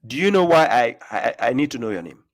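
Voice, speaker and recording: A man's voice: medium pitch, very animated, fast talker. A man hosting a live call-in religious debate stream, pressing the caller with repeated questions and cutting in often. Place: Europe.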